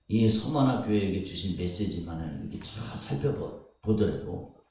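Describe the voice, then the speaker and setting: A male pastor preaching a sermon in a church sanctuary, pressing his points by repeating them. His pitch moves a lot, rising and falling. The sound is very echoey and picked up from some distance. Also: darkish tone. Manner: emphatic, repeats phrases for stress. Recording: very echoey hall, mic at a distance.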